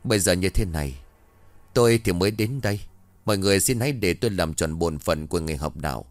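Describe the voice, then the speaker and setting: A man's voice: deep voice, expressive, fast, dry recording. A man doing a grave old village exorcist.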